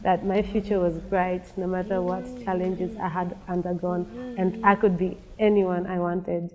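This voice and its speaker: A young woman narrating a documentary in an earnest, measured way. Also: fairly low pitch, steady tone, noisy background. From Zambia. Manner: earnest, measured personal testimony. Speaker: narrator, women's advocate. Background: film score music.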